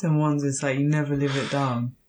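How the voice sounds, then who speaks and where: A woman's voice: very deep voice, fairly even intonation, brisk, darkish tone. A young woman with a London accent chatting casually, reacting and commenting with slang. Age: young adult.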